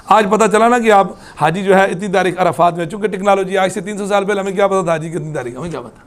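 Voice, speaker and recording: A man leads a religious lesson. He keeps asking the class questions and answers them himself. He chants the scripture verses in a slow, drawn-out way. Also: sits high. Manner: quizzes the class with repeated questions; chants Quranic verses slowly. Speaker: Quran teacher.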